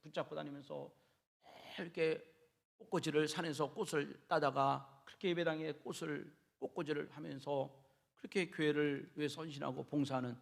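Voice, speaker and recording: A middle-aged man preaching an impassioned sermon in a church, repeating phrases and building up to shouts. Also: a little high, steady tone, moderate pace, creaky. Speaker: pastor. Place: church sanctuary.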